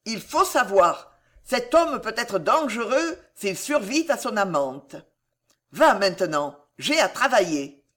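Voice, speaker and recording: A woman's voice: medium pitch, sing-song, slow pace, a bit bright, heavily acted. A woman reading aloud voices a commanding older queen mother who gives clipped, imperious orders. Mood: cold scheming.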